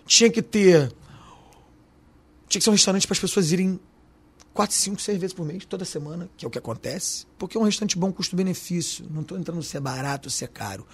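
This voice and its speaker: A man's voice: a little high, slightly rough. A man with a Carioca accent, a restaurant owner talking in an interview, slangy and emphatic. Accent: Carioca Portuguese. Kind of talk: podcast interview.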